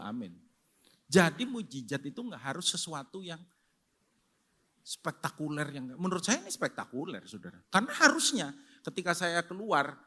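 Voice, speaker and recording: A male pastor preaching a sermon in a church, telling stories in an animated way and often turning to the congregation. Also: on the high side. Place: church sanctuary.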